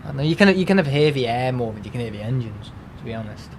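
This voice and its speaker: Chatting casually with his live viewers, a Merseyside-accented man from England hosts a livestream, rambling with plenty of fillers and restarts. He talks fast at medium pitch with lively intonation, over a noisy background.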